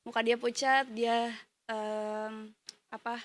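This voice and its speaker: A woman's voice: a little high, level tone, takes it slowly. A woman who teaches primary school, telling a story in a casual interview with many hesitant fillers.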